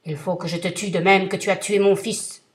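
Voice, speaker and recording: A woman voicing a huge, ancient male genie, loud, menacing and relentless in his vengeance. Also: mid-range voice, steady tone, a little fast, natural voice.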